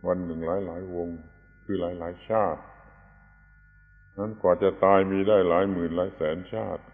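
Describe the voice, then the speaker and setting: A man with a very deep, low voice delivers a Buddhist dharma sermon, explaining ideas in an unhurried way. The sound is thin and phone-like, and a long hall reverb trails each phrase. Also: steady tone. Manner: unhurried, explanatory, stresses correct pronunciation. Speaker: Buddhist teacher.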